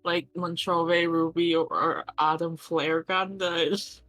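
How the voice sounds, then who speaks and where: A man's voice: fairly high pitch, little pitch movement, takes it slowly, sharp tone, no room sound. Man chatting in a dry recording. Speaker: player. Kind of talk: casual gaming chat.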